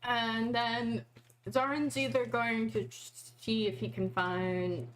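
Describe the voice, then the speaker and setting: A woman's voice: on the high side, steady tone, slow. A woman casually describing her character's actions as a player in a tabletop role-playing game.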